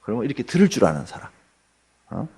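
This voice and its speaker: A man's voice: medium pitch, sing-song, fast talker, gravelly, darkish tone, breathy edge. A man preaching a dawn sermon in a church, talking conversationally, asking the congregation questions and joking. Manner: acts out everyday people in quotes, joking. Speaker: pastor. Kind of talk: early-morning sermon.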